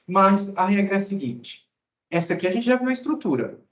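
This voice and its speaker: A man's voice: high-pitched, lively intonation, a little fast, fairly bright tone. A Brazilian man, a native Portuguese speaker, explains English grammar as a teacher, often checking in with his listeners. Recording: roomy, dull lo-fi sound.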